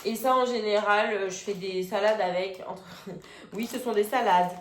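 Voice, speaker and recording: A young woman chats her way through a grocery haul at a mid-range pitch. She talks loosely, with plenty of "euh" fillers and informal slang. The room around her is bare and echoey. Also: fairly even intonation, normal speed, slight background noise. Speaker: vlogger. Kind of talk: casual grocery haul vlog.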